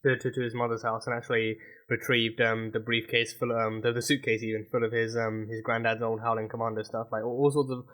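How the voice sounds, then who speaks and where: Man, TV reaction reviewer, bright clear tone, rambling chatty delivery, lots of restarts. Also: mid-range voice, flat delivery, brisk. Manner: rambling, many restarts and fillers, laughs often. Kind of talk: casual reaction review monologue.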